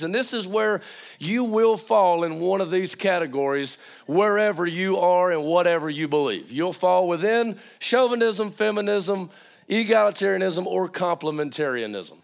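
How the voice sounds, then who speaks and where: A man's voice: high voice, vocal fry. A man preaching an informal teaching sermon, checking in with listeners through questions, his voice strained as it recovers from being lost.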